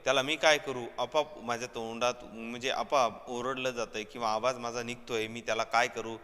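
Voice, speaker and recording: A man's voice: medium pitch, flat delivery, normal speed, sharp tone, smooth, in a large hall, close to an everyday voice. A man reading the lines of a husband in pain from a toothache, complaining irritably. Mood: irritated.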